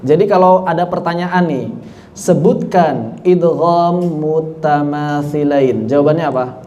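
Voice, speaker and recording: A man with an Indonesian accent teaching a tajwid lesson online, asking questions and answering them himself, chanting Quran examples slowly and adding chatty asides. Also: fairly high pitch, warm tone, slight background noise. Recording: echoey room with faint ambience.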